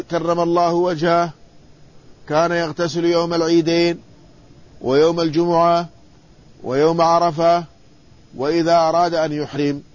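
A man teaching an Islamic hadith lesson, reading a classical text aloud, explaining it and putting quick questions to his students. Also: on the high side, a little mellow, muffled recording. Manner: reads quoted text then explains, quizzes students.

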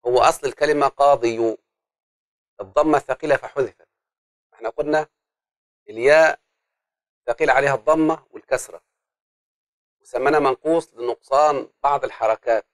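Egyptian man teaching Arabic prosody. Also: medium pitch. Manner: chants poetic meter syllables slowly, prompts students. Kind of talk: lesson with student questions.

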